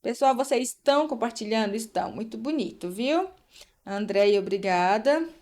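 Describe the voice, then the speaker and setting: A woman's voice: on the high side, lively intonation, moderate pace, darkish tone. Chatty woman hosting a live stream. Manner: chatty, addresses viewers with tag questions. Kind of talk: casual live-stream chat.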